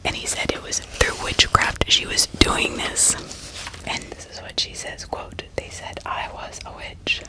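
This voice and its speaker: Whispering breathily without voicing, this female ASMR host narrates true crime with drama and sympathy. Her delivery is measured.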